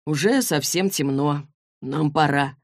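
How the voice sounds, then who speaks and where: A woman's voice: no room sound, clean studio sound. A woman reading a cool, unflappable young man. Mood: cool, unbothered. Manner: calm, slow, slightly lowered delivery. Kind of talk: audiobook character voice.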